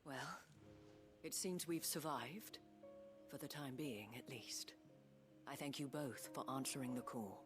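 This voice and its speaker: Composed, low-voiced lady leader. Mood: measured relief. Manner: gracious, measured, formal. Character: composed, diplomatic woman leader of a refuge. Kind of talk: video game voice acting. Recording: music behind the voice.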